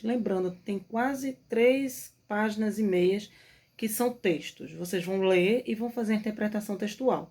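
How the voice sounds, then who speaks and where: A woman's voice: mid-range voice, darkish tone. Patient Brazilian woman teacher. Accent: Brazilian Portuguese. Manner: patient, explanatory, frequent checking "tá?". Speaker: primary school teacher. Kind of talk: remote classroom lesson.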